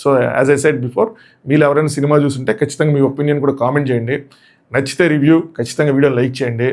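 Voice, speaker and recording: Hoarse from yelling, this man delivers a loose, enthusiastic film review that wanders and circles back to repeat itself. His pitch is medium and he talks fast.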